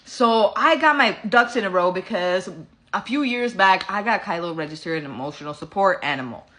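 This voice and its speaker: A woman vlogger telling a story from home in a casual, animated, profane and sassy way. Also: mid-range voice, a little fast.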